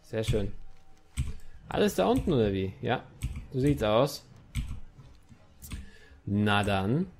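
A man's voice: lowish voice, big pitch swings, slow, vocal fry, long pauses, a little mellow. A young man commenting on his own gameplay in a chatty let's-play style, talking to the game and his viewers and swearing now and then. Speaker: gaming YouTuber.

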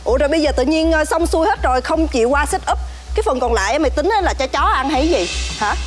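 A woman's voice: high-pitched, animated, quick pace. Snooty rich woman who won't pay, southern vietnamese accent, rude, music behind. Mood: indignant. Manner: rude, dismissive, uses coarse address. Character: rich arrogant woman who dodges debts. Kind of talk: web drama acting.

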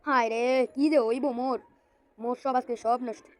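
Woman with a high voice, dubbing a comic cartoon alone. She plays every role, loud and full of exclamations. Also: steady tone. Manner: loud exclaiming, rapid shifts between character voices. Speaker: channel voice performer. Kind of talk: comic cartoon dub, voicing every character.

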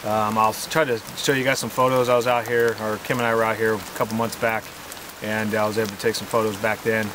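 A man's voice: fairly low pitch, fast. Laid-back guy vlogging on a rainy trail, lots of uhs, noisy outdoor sound. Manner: relaxed, joking, many uh fillers. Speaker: RV travel vlogger. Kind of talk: casual travel vlog chat. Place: outdoors on a forest trail in the rain. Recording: outdoor noise with rain.

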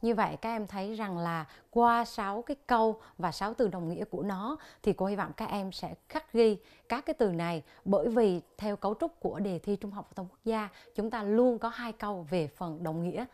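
A woman's voice: mid-range voice, darkish tone. Vietnamese woman teaching English words. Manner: slow, careful pronunciation drills of English words. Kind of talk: televised English lesson.

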